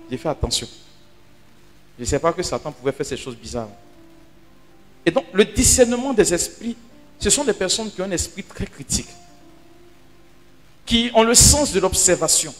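A high-voiced male priest delivers a teaching sermon as an animated storyteller, dropping dramatically into hushed asides. The recording has hall reverb and faint music.

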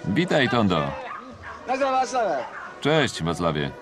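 A man's voice: low-pitched, very animated, extremely slow, over music. A man reading a film voice-over, speaking every character's lines in his own voice over the film's soundtrack. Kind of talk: single-voice film voice-over reading all dialogue.

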